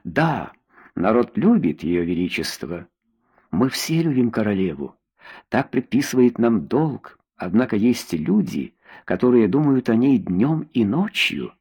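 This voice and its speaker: A man voicing a charming young nobleman in an audiobook, speaking glibly and with flattery. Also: mid-range voice, measured pace, breathy edge, full character voice. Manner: glib and flattering.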